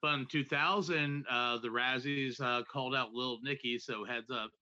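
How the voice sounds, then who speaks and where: A man's voice: mid-range voice, steady tone, moderate pace, pushed and bright. A man on a casual movie podcast, dropping brief, dry remarks. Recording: slightly dull lo-fi audio.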